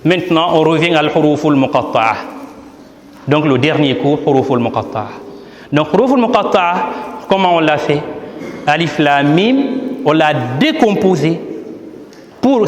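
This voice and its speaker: A man's voice: a little high, slight background noise. Patient man teaching in an echoey hall. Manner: patient, explanatory, asks and answers his own questions. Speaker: imam presenting his book. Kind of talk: teaching talk at a book presentation. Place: large hall at a ceremony. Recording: echoey hall with long reverb.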